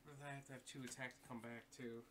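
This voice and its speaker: A man's voice: medium pitch, level tone, rapid-fire, fairly bright tone. A man chatting and joking casually while playing a board game with friends, laughing often. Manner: jokey, reads card text aloud, laughs often. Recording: noticeable background noise.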